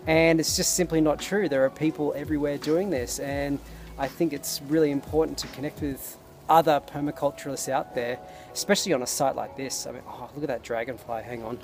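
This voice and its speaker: The same permaculture intern and vlogger speaks to camera at the desert garden, casual, earnest and enthusiastic in his reflections. His fairly high voice keeps a fairly even intonation at a brisk pace, while loud music plays underneath.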